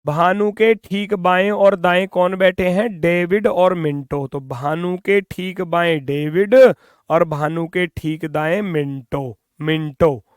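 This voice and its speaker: Teaching reasoning in an online exam-prep class, this Indian-accented man speaks English briskly, coaxing students and sometimes teasing them with a playful scolding. His voice sits high and smooth, with fairly even intonation, in a dry, studio-quality recording.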